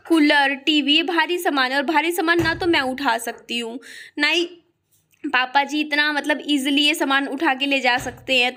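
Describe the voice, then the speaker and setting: Woman vlogger from Haryana, very high pitch, sore throat, fast and chatty with lots of fillers. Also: fairly bright tone. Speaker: family vlogger. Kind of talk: casual vlog chat to viewers.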